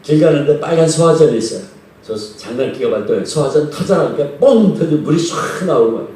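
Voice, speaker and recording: Fast and expressive, a pastor with a slightly high, mellow voice delivers a revival sermon, chatting with and questioning his congregation. The sound comes from a distant mic in an echoey church sanctuary.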